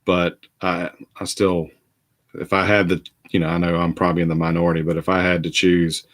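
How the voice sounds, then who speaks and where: A tired man chats casually as host of a live card break. His voice sits very low. He talks in a rambling, halting way, with plenty of fillers and restarts. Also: little pitch movement, a bit bright. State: tired, yawning. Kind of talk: casual live-stream chat.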